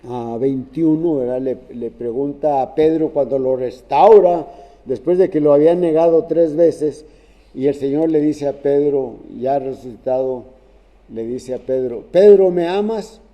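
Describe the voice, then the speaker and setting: A man preaching a sermon in a halting way, restarting phrases and often checking in with "¿verdad?". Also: mid-range voice, steady tone, dark tone.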